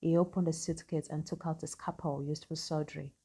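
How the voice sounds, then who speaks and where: A woman narrating a scripted story in an even, matter-of-fact way. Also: low voice, fairly quick, breathy edge.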